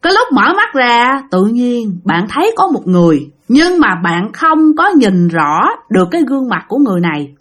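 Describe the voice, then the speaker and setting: A woman's voice: on the high side, big pitch swings, moderate pace, hardly any pauses, a bit bright. A woman with a Southern Vietnamese accent telling a ghost story in a chatty, casual way, often speaking directly to listeners.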